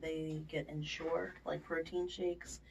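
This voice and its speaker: A woman with a lowish voice and noticeable vocal fry talks through patient instructions in an explanatory way, checking in as she goes. She sounds a little distant from the microphone, with faint noise in the room. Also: flat delivery, slow, a little mellow. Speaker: dental surgery staff giving aftercare instructions. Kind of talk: informal spoken patient instructions. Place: indoors at a clinic.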